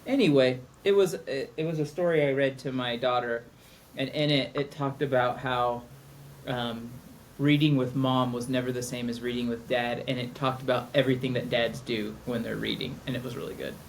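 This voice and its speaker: A man's voice: mid-range voice, steady tone, moderate pace, gravelly, slight background noise. A middle-aged man co-hosting a casual podcast chat, chatty and self-mocking. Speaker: podcast co-host.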